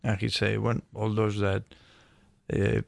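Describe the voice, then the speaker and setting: A man in his sixties from Spain with a Spanish accent, a radio guest talking in a halting way, searching for words and restarting. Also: lowish voice, monotone, vocal fry, dry recording. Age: 60s. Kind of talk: casual radio conversation.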